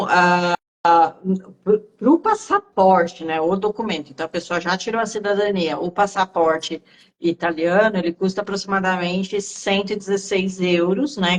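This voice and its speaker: A woman, explaining things in a relaxed, conversational way on a live-stream Q&A, with frequent fillers. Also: lowish voice, normal speed, rough recording. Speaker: guest speaker on Italian citizenship. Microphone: remote live-stream call.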